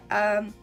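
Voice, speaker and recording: A woman in her twenties from Kent, chatting casually and laughing at herself as she answers questions for her vlog. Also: sharp tone. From Kent, England. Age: 20s. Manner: chatty, self-deprecating, laughs often. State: relaxed late at night. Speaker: vlogger. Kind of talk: casual get-to-know-me chat.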